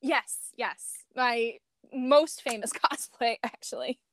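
Speaking slowly in a fairly high voice, an amateur performer and cosplayer guests on a podcast, sharing anecdotes in a casual, earnest way. There's a little hiss or hum on the recording.

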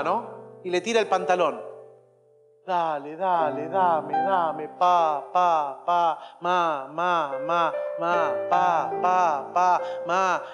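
A man's voice: high voice, long reverb tail. A middle-aged man with a Rioplatense Spanish accent preaching a sermon with passion. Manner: impassioned preaching, mimics a whining child. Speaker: pastor.

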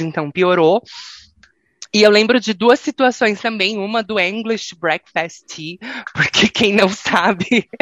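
A woman's voice: medium pitch, dry recording. A woman with a Brazilian Portuguese accent, telling funny stories in casual chat, laughing and swearing now and then. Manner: lively storytelling with laughs and swearing.

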